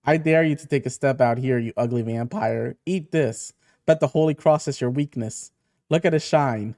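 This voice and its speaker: A man's voice: mid-range voice, normal speed, darkish tone, no echo, distant mic, natural voice. A man reading aloud as a bold, teasing young girl, with bratty taunts in a dry room. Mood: taunting.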